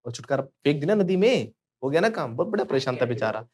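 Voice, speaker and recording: A man's voice: medium pitch, sing-song, quick pace, darkish tone. A man teaching spoken English in an online class, playful and joking, prompting students to repeat phrases after him.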